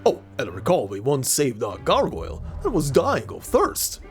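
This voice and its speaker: Someone doing a gruff old sea captain ghost, pompous. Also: medium pitch, huge pitch swings, normal speed. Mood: proud. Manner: pompous, blustering old-seafarer talk.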